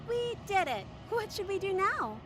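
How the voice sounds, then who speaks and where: A sweet, innocent young princess from a video game. The voice is extremely high and lilting, girlish and pleading, over faint music. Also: big pitch swings, moderate pace. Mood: delighted. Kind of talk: video game character acting.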